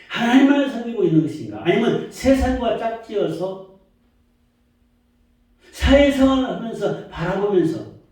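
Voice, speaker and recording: A man preaching a sermon as pastor, slow and emphatic, often rising into questions. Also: high-pitched, a little mellow. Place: church sanctuary. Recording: echoey church hall, mic far off.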